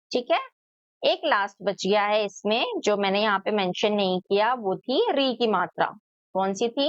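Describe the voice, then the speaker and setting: A woman teacher giving a children's lesson, sounding out each letter slowly and answering her own questions. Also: fairly high pitch, no room sound, highs cut off.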